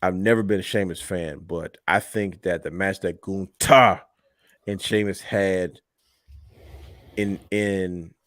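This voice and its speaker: Low male co-host, loose and excitable, dry close sound. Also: takes it slowly, no room sound. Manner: animated, loose, laughs loudly, trails off mid-sentence. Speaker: podcast co-host. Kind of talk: casual late-night wrestling chat.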